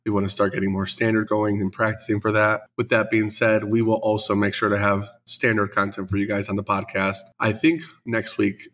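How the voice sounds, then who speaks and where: A podcast co-host who also owns a store chats casually and enthusiastically, tossing in the occasional self-deprecating joke. Still congested from the flu, he speaks in a voice on the low side with a bit of brightness.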